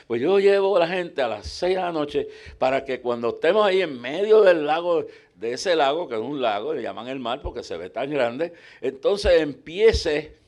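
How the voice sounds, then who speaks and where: A man's voice: medium pitch, darkish tone. A man preaching a sermon as a story, emphatic, repeating himself and stumbling into restarts.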